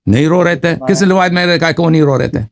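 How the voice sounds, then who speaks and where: With a fairly high pitch and some vocal fry, this man argues insistently during a heated religious debate on a live call-in show. He keeps hammering away with the same pointed questions.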